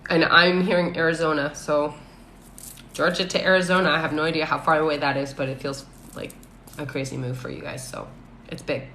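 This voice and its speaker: A woman's voice: low-pitched, steady tone, a little fast, sharp tone. A woman doing psychic readings on a live stream, who calls people honey and laughs often. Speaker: psychic medium. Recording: echoey room with faint noise.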